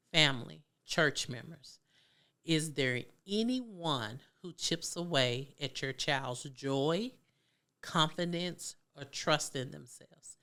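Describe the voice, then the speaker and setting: A middle-aged woman with a low, bright and clear voice gives earnest advice to parents. She talks colloquially and emphatically, often acting out what parents and kids might say. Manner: preachy, emphatic, colloquial, acts out kids' voices. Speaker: parenting talk host.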